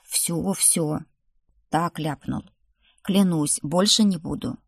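A woman voicing a brash, joking young prince in an audiobook, with a husky voice close to her plain reading. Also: low voice, slow, dry recording, heavily acted. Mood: backing down. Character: cocky young prince, playful brother. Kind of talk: audiobook character voice.

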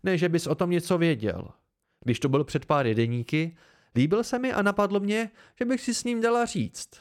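Man doing a bold young barmaid, teasing, proud, higher voice. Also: expressive. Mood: insistent.

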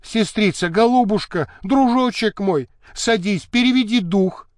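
A man's voice: high-pitched, unhurried, no room sound, clean studio sound, pitched above the performer's own voice. A man reading an audiobook, voicing a sly young noble wife who talks sweetly and coaxingly. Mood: soothing.

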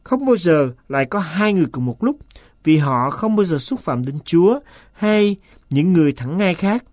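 A man's voice: on the high side, very animated, normal speed, darkish tone, no room sound. Sulky servant for an audiobook, stubborn and evasive, read by a man, dry close sound. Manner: stubborn, insistent denials. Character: sullen, evasive male manservant.

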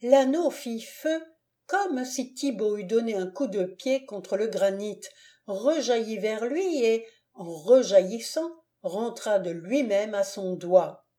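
Slow, mellow woman narrator. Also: medium pitch. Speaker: audiobook narrator. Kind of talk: scripted narration of a classic novel.

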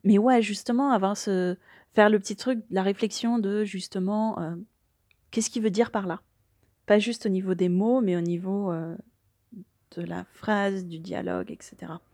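A woman's voice: medium pitch, steady tone, moderate pace, dark tone, no room sound, clean studio sound. A young woman in a casual spoken afterword to her podfic reading, rambling and hesitant with many fillers. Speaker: podfic reader.

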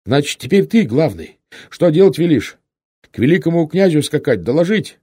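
A man voicing an excited male mounted scout who exclaims loudly in a raised voice. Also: moderate pace, vocal fry, no room sound, exaggerated voice. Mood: urgent. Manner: loud, exclaiming, high-pitched.

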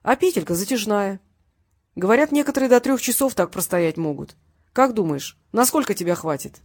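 A woman's voice: medium pitch, animated, moderate pace, breathy edge, no echo. A woman narrator voicing a cocky hitman in a crime audiobook. He taunts his enemies in a light, good-natured tone, and every word carries a threat. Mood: mocking. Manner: genial tone over threats. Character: cocky male hitman, mocking and menacing.

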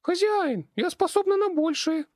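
A man reading an audiobook voices a small female imp demon who squeaks, whines and begs her master. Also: expressive, unhurried, no echo, studio quality. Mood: pleading. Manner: squeaky, whining, pleading.

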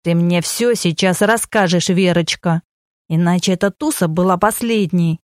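A woman's voice: lowish voice, moderate pace, no room sound, studio quality, natural voice. A woman voicing a stern young man who questions his sister bluntly. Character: stern, protective young man, cold and demanding.

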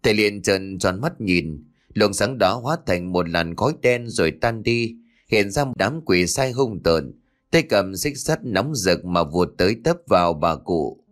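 Low-voiced male ghost story narrator. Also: animated, a little slow. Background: faint music.

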